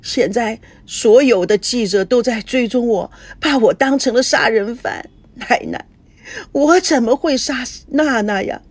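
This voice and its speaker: A woman's voice: a little high, unhurried, darkish tone, no room sound, pitched above the performer's own voice. A woman voicing an anguished young man who is pleading with his grandmother in a storybook reading. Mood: desperate pleading. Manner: pleading, distraught.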